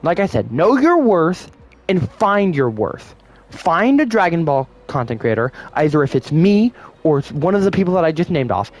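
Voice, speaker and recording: A man's voice: on the high side, big pitch swings, normal speed. A man giving casual online commentary, rambling with frequent self-corrections. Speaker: YouTube commentator.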